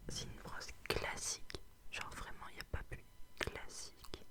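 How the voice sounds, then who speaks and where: A woman whispering softly in a casual, candid ASMR product review, chatting as she presents unboxed beauty items. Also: a little slow. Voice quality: soft unvoiced whisper. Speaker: beauty box unboxing host.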